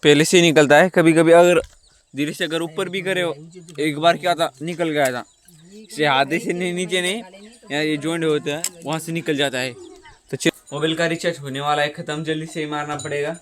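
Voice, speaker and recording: A man's voice: fairly high pitch, fairly even intonation, brisk. A young man, chatting casually through a daily vlog while rambling and restarting his sentences. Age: young adult. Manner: rambling, restarts often, says "matlab" and "guys". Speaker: vlogger. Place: village home and roadside, outdoors. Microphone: handheld phone.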